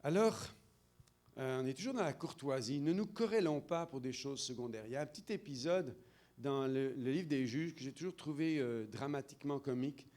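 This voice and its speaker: A man's voice: medium pitch, brisk, a little mellow. A man from France with a French accent, giving an interactive sermon-style talk and calling on audience members by name. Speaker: speaker at a church seminar.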